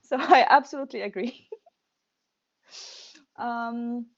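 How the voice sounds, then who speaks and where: A young woman from Tunisia, a medical student, chatting casually in an interview, laughing often and pausing with fillers. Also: a little high, dull audio.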